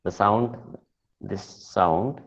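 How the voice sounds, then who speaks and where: A man teaching an online class, speaking deliberately and repeating words slowly to model pronunciation, and switching into Malayalam to explain. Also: on the low side, vocal fry, highs cut off. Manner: switches between English and Malayalam. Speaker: English teacher.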